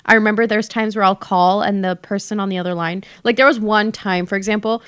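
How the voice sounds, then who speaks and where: A young woman co-hosting a podcast, an animated storyteller who swears freely in casual chat. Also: mid-range voice, fairly quick, smooth, no echo, studio quality. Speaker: podcast co-host.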